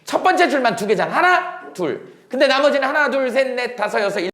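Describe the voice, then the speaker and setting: Animated male science teacher, echoey room. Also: very high voice, a little fast. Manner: explains in a casual speaking style, asks questions and then answers them himself. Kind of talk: classroom lecture.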